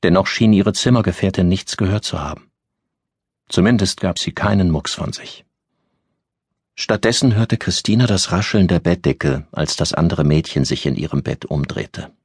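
Deep, husky male audiobook narrator. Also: dry recording, studio quality. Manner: calm, measured reading.

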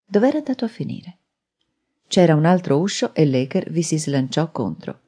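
Woman narrator, low mellow voice, dramatic thriller reading. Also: normal speed, slightly rough. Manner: dramatic, steady storytelling. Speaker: audiobook narrator. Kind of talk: scripted narration.

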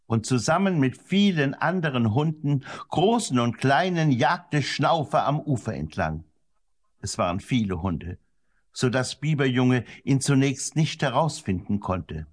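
A man narrating a children's story in a gentle, expressive way. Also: a little slow, slightly rough. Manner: gentle and expressive, varies the pitch to suit the story. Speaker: audiobook narrator.

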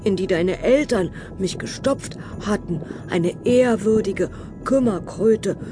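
A woman voicing an old, fussy male sea turtle guardian in a children's audiobook, grumbly, slow and put-upon. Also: mid-range voice, music in the background, pitched above the performer's own voice, lightly acted. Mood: huffy.

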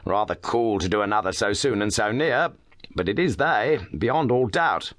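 A man voicing an eager, confident young police inspector who talks briskly and quickly. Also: on the low side, animated, a bit bright, no echo, studio quality.

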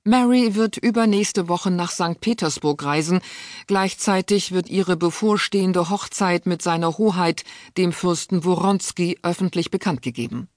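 A woman's voice: fairly low pitch, normal speed, a little mellow, no echo, studio quality, voice pushed up, close to an everyday voice. A woman voicing a stern, disdainful aristocratic aunt who speaks sharply and impatiently. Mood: cold, scornful.

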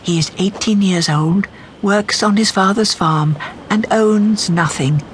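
In a scripted radio drama, an actor reads as the fairy tale's omniscient storyteller in a slow, mid-range voice that's only lightly acted. The storytelling stays measured, there's a little hiss or hum, and music sits under the narration.

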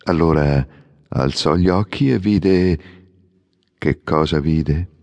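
A man narrating a fairy-tale audiobook in an expressive storytelling manner. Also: low voice, dry recording.

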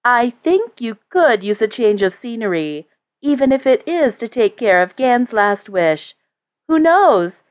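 A woman voicing a cheeky young woman of twenty, high and breathy, teasing and cheerful, in an audiobook. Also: sing-song, measured pace, no room sound.

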